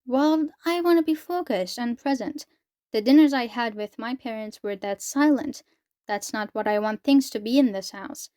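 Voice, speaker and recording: Give me a woman reading a sugary, affectionate mother, smooth voice. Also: a little high, normal speed, a little mellow, dry recording, clean studio sound, close to an everyday voice. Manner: syrupy, generic endearments. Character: overly sweet, affectionate adult mother.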